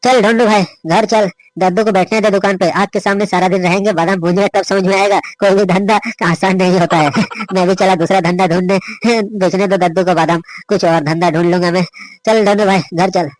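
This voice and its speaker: Casting: man playing a frazzled young nut seller, very high voice, whiny and exasperated, cartoon. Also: fairly even intonation, fairly quick, no echo, lightly acted, rough recording. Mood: complaining. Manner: complaining, exasperated. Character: young male nut seller, tired and fretful. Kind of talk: Hindi cartoon voice acting.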